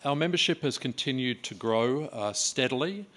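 A middle-aged man presenting a report at a conference lectern, steady and matter-of-fact. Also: mid-range voice, normal speed. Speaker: organisation head giving a report. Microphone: lectern microphone.

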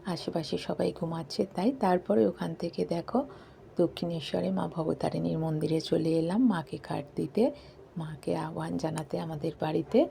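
A middle-aged woman recording a soft, hushed voice-over for her vlog from a balcony late at night, talking quietly while others sleep. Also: low-pitched, moderate pace, vocal fry, slight background noise. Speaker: vlogger. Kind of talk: softly spoken voice-over narration.

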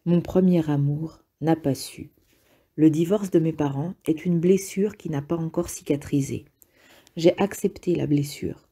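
A woman reading a memoir aloud in the first person, calm and measured. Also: deep voice, slightly rough. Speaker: reader.

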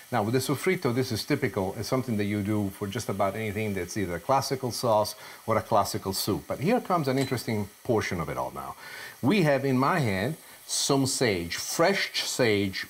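Middle-aged man, expressive TV chef. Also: medium pitch, breathy edge. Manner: expressive, explains each step with rhetorical questions. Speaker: TV chef host. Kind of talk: cooking show presentation. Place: home kitchen, indoors.

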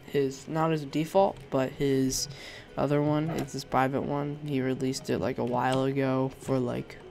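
This young man's mid-range voice is creaky and darkish, delivered flatly at a measured pace over soft background music. A Minecraft YouTuber with a sore throat, he gives casual commentary on a resource pack, rambling and hesitant with many ums and restarts.

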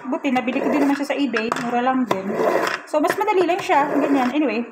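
Lady vlogging in her kitchen, giggly, high voice, noisy background. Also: quick pace. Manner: chatty, giggly, self-mocking. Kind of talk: casual kitchen vlog chat. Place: home kitchen.

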